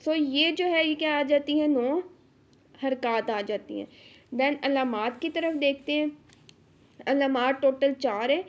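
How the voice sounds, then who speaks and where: A woman's voice: high-pitched, slow pace. A woman with a Pakistani Urdu accent teaching a tajweed lesson. She explains step by step and keeps checking in with her students. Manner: patient, explains step by step with frequent check-ins. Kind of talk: online lesson explaining rules.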